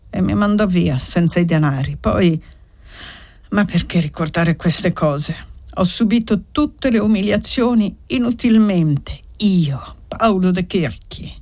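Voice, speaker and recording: A woman's voice: on the low side, a little mellow, no echo. A woman voicing a proud, desperate young man in an audiobook, reading with bitter passion. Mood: weary.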